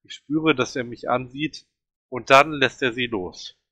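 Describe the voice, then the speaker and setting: Ein Mann liest einen Roman dramatisch und angespannt vor. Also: male voice, mid-range voice, unhurried, sharp tone, no echo. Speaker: reader. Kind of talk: reading a novel aloud.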